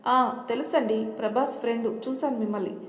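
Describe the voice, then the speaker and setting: A woman reading a young wife, polite, courteous, highish voice, roomy echo. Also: normal speed, lightly acted. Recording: echoey room with long reverb.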